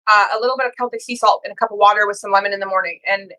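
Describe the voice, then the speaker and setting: Bright-voiced, emphatic woman podcast co-host. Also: mid-range voice, steady tone, very fast, poor audio. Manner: earnest, emphatic, rambling storytelling. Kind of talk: casual chat.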